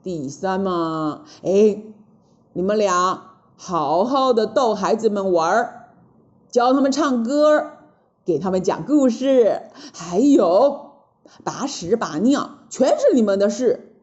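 A woman voicing a cocky male monkey king who gives brisk, raised commands. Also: medium pitch, expressive, darkish tone, dull audio. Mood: bossy.

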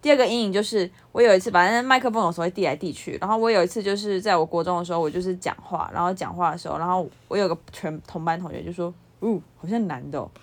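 A young woman with a Taiwanese Mandarin accent, co-hosting a casual chat podcast; her voice is naturally low and she pushes it up, laughing often and swearing playfully. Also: rapid-fire, few pauses. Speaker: podcast co-host. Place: indoors, on a bed. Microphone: handheld phone mic.

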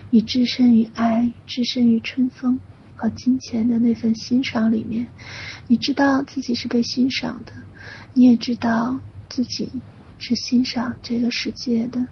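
Female meditation guide, soothing sleep story narrator manner, near-whispered and unhurried with very flat intonation; slightly muffled lo-fi recording. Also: fairly high pitch. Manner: hushed, breathy, often near whisper; slow, gentle delivery with long pauses. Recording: dull lo-fi audio with faint noise.

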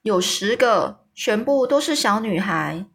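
A woman's voice: mid-range voice, lively intonation, a little slow, vocal fry, a bit bright, slightly rough, heavily acted. A woman voicing a young orphan girl who speaks frankly and earnestly. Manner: plain-spoken, earnest.

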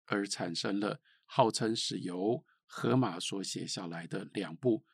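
A middle-aged man from Taiwan giving a spoken literature lecture, emphatic, with sharp rises and falls and rhetorical questions. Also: on the low side, a little slow, creaky, breathy edge, no room sound, clean studio sound.

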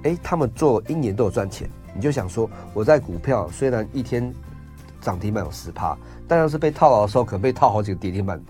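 A man with a Taiwanese Mandarin accent talks quickly as a radio guest, piling on fillers and asides while he explains. His voice sits somewhat low, and faint music plays beneath him. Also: expressive, a little mellow. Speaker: investment guest. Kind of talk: radio interview.

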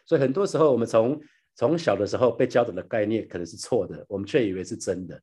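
A man delivers a devotional Bible teaching, speaking to his listeners as brothers and sisters. His voice sits low and sounds husky. He repeats phrases and ends lines with soft tag particles. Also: fast talker. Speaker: pastor sharing a daily devotional.

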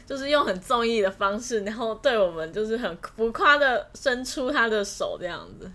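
Bright-voiced young woman telling stories. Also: a little high, moderate pace. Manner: laughs often, animated retelling. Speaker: podcast co-host. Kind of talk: casual storytelling chat.

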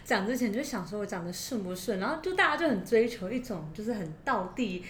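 Taiwanese accent woman chatting as co-host, medium pitch, echoey room w/ a bit of noise. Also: animated, quick pace. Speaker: podcast co-host. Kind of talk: conversational educational discussion. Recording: roomy echo, faint noise and rumble.

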